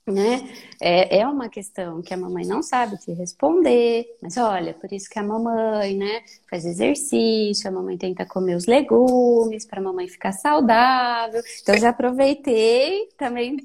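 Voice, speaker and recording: A woman in her thirties speaking gently and thoughtfully in a reflective conversation, with many soft fillers. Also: a little high, moderate pace, vocal fry.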